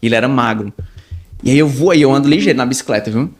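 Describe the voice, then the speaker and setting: A man, a podcast guest telling a story in an animated, rambling way, with many restarts and quoted dialogue. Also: medium pitch, quick pace. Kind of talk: casual storytelling.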